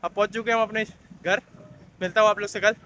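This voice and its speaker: A man's voice: high voice, fairly even intonation, fast, dull audio, background noise. A young man vlogging casually, telling a story in a chatty, ranting way while walking through a station and streets. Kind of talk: casual vlog talk to camera. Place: Mumbai local train station and streets, outdoors.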